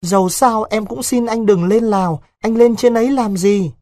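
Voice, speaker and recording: A man voicing a young peasant servant girl who pleads through tears, in a husky voice. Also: sits high, normal speed, mellow, no room sound, clean studio sound, pitched above the performer's own voice, lightly acted. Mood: anxious. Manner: tearful, imploring pleas.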